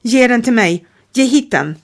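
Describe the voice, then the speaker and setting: A woman's voice: a little high, animated, voice pushed up. A woman reading aloud, voicing an angry, shrieking woman in a storybook. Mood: furious. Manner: shouting, harsh.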